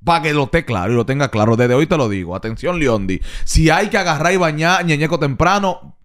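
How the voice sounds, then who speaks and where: A man's voice: on the high side, lively intonation, a little fast, a bit bright. A man hosting a casual chat, prodding his guest with questions. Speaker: host.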